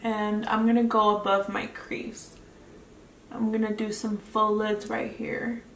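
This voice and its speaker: A woman with a Mexican accent, a beauty vlogger, chats through a makeup tutorial and often drops off mid-sentence. Her mid-range voice is gravelly and fairly bright, delivered completely flat and a bit slowly. The echoey room, distant mic, and faint hiss color the sound.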